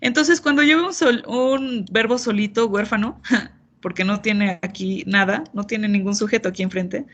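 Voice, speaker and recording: Woman, English teacher, online grammar lesson, slightly gravelly, mid pitch, patient. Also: fairly bright tone. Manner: patient, explanatory, playful asides.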